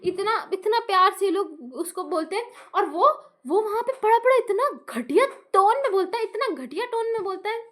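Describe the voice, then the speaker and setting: A woman's voice: extremely high pitch, animated, moderate pace, hardly any pauses, fairly bright tone. A young Indian woman venting in casual self-talk, frustrated, swearing and mixing Hindi with English. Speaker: vlogger.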